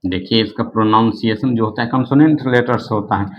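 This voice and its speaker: Man, English teacher, lowish voice, asks and answers his own questions, repetitive. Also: fairly quick, highs cut off, a little hiss or hum. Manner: asks the class questions and answers them himself; repeats himself and restarts often, fillers like "nahin". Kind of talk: classroom-style lesson explaining English in Hindi.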